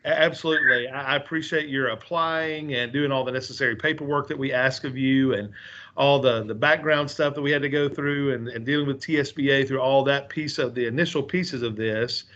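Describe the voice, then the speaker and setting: A man's voice: mid-range voice, fairly even intonation, brisk, fairly bright tone, slight background noise. A man chairing a school board interview, speaking hesitantly with repeated words and many uhs over a video call. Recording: dull video-call audio.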